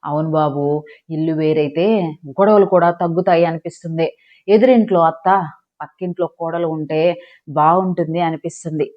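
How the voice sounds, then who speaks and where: A woman's voice: low-pitched, fairly even intonation, normal speed, muffled recording, close to an everyday voice. A woman voicing a tired middle-aged father who sighs over family quarrels. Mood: hopeful. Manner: sighing, tired.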